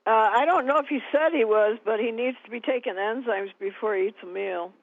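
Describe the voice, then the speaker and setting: A woman co-hosting a health radio show, briskly listing diet rules when the host quizzes her, taped off the radio. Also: on the high side, dry recording. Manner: answers the host's quiz questions with brisk lists of rules. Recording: tinny phone-like radio taped off air.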